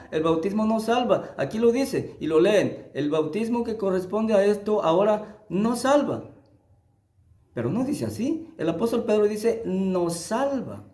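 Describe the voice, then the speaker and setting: A man teaching the Bible in a sermon style, emphatic, lifting his voice for scripture and dropping low to press a point. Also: a little mellow, reverberant. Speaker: preacher.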